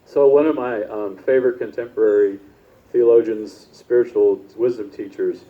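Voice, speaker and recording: A man's voice: on the low side, steady tone, normal speed. A man preaching a conversational sermon, telling personal stories in a chatty, informal way and often tossing in "right?". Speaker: pastor. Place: church service. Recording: dull, lo-fi service recording.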